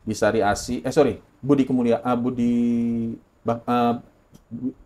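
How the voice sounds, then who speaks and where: A man's voice: medium pitch, steady tone, a little slow, dark tone. A man from Indonesia telling his personal story in an interview, earnest and correcting himself often.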